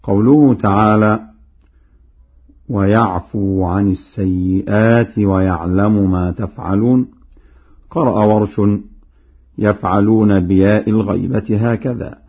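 A man with a lowish voice teaches Quran recitation, explaining readings in an even, deliberate way. He chants each verse example slowly. The sound is narrow and phone-like. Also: slightly rough.

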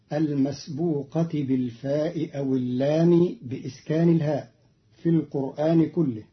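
A man teaching the variant Quranic readings, explaining each one in a measured way and chanting the quoted verses slowly. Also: a little high, muffled recording. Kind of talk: scripted lesson on Quranic readings.

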